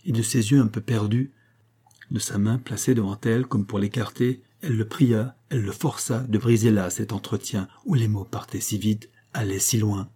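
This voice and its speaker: A man narrating a classic novel chapter in a measured, even way. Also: fairly low pitch, husky. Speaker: audiobook narrator. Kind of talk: scripted literary narration.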